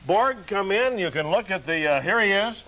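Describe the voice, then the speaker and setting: High-pitched American man, TV weatherman. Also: lively intonation, moderate pace, sharp tone, poor audio. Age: middle-aged. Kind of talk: off-the-cuff television weather banter. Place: TV studio and outdoor location shoots. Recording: faint background noise, old videotape.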